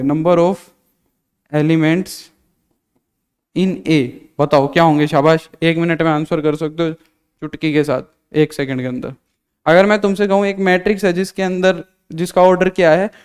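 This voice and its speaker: A man's voice: sits high, clear, resonant tone, big-room sound. A male maths teacher giving a live online lesson, drilling students with repeated questions and answers. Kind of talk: live online class lecture.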